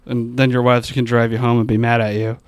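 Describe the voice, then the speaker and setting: Guy doing a podcast in his garage, crude jokey banter, clean clear voice, not much echo. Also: medium pitch, level tone, fairly quick. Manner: crude, joking, profane. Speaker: podcast host. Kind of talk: casual comedic chat. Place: in a home garage.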